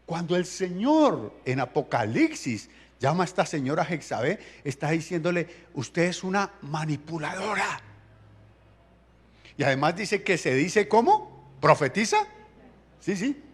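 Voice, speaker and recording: A pastor, preaching a sermon in a colloquial, jokey storytelling way. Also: male voice, fairly high pitch, big pitch swings, normal speed, husky.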